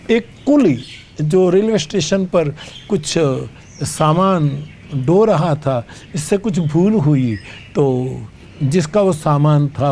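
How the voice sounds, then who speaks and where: Slow, soft-voiced older preacher. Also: male voice, fairly high pitch, a little hiss or hum. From Gujarat, India. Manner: slow, measured storytelling with sung verses. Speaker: spiritual storyteller. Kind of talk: devotional discourse.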